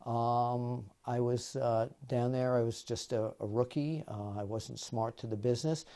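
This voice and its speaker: A man, a wrestling journalist, telling an anecdote in an interview, halting with many fillers. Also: medium pitch, steady tone, dark tone. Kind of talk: reminiscing interview.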